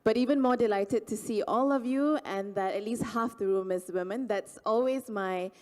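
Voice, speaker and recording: A woman with a Malaysian accent opening a panel as its moderator, speaking with warm enthusiasm. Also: a little high, moderate pace. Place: conference hall. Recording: reverberant hall sound.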